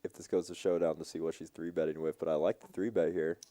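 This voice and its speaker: A man's voice: extremely low pitch, flat delivery, fast talker, dark tone, dry recording, clean studio sound. A man co-commentating a live poker stream, breaking down ranges and joking with his partner. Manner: laughs easily, joking, analytical.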